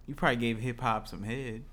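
A man's voice: mid-range voice, moderate pace. A young man co-hosting a podcast, bantering casually in teasing, argumentative, profane slang. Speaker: podcast co-host.

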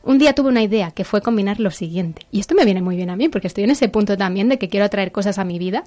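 A woman's voice: mid-range voice, quick pace, mellow. A woman with a Castilian Spanish accent chatting casually as a segment host, enthusiastic and informal as she explains things step by step. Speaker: segment host presenting a book.

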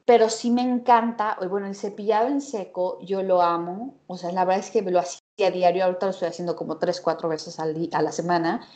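A woman's voice: lowish voice, flat delivery, fast talker, few pauses, darkish tone. A woman in casual chat, enthusiastic and rambling. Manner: enthusiastic, rambling, many fillers.

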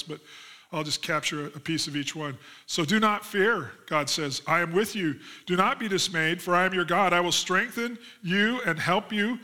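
High, bright-voiced male pastor preaching. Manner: reads scripture passages aloud and then expands on them; earnest, rising emphasis on key promises. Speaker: lead pastor. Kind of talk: sermon.

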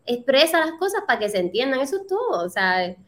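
A woman with a fairly high voice talks shop as a voice actor in a relaxed interview. She hammers her points by repeating key words and drops English phrases into her Spanish. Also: fast talker. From Puerto Rico. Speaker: voice actor guest. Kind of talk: casual interview chat.

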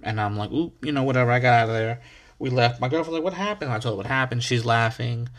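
The young US host of a podcast talks fast in a mid-range voice, spinning a story in an easygoing, chatty monologue. He is animated and crude, and he often erupts into loud bursts without warning.

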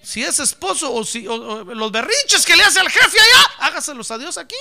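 A male pastor preaching a sermon, emphatic and repetitive, swinging from hushed asides to loud cries. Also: very high-pitched, big pitch swings, normal speed, creaky.

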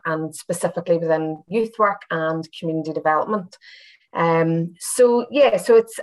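This Belfast woman has a mid-range voice and a Northern Irish accent. She's a university senior lecturer appearing as an interview guest, reflecting chattily in a casual personal conversation, hesitating slightly and circling back with hedges.

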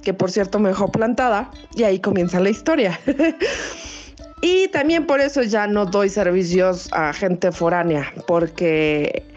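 A woman's voice: mid-range voice, a little slow, darkish tone, highs cut off, faint music behind. A woman with a Mexico City Spanish accent telling a personal anecdote in a slangy, profane, chatty way. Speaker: storyteller. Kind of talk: casual spoken anecdote.

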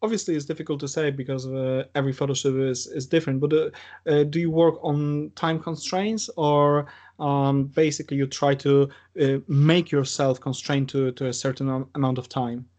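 A man hosting an interview, asking hesitant, halting questions. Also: medium pitch, level tone, darkish tone. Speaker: interviewer host. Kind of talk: casual interview chat.

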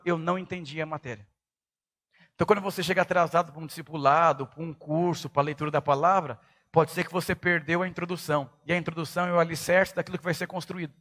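A middle-aged man preaching a sermon as a pastor, emphatic and rising to shouts at his peaks. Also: high voice.

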